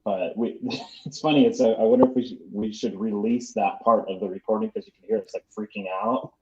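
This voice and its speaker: A male guest tells an easygoing story about a recording session and pads it with "uh" and "um." His voice is fairly low, and the sound is muffled and lo-fi. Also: animated, a little fast. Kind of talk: casual anecdote. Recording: dull lo-fi audio.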